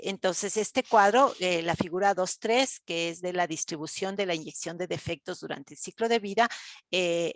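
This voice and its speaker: A woman with a lowish voice lectures online as a university instructor, and there's no room sound. Her step-by-step explanations are sprinkled with fillers and frequent check-ins with the students.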